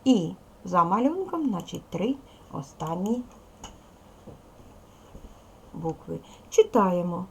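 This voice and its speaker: Teaching second graders on video, this woman breaks words into sounds and syllables with patience. Her lowish voice swings widely in pitch at a measured pace, carrying vocal fry, and the recording has slight hiss or hum.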